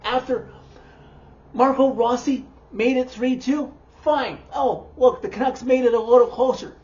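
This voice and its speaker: Exasperated high-voiced woman talking sports. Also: measured pace, darkish tone, muffled recording. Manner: exasperated, emphatic. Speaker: sports podcast host. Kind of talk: opinionated post-game sports commentary.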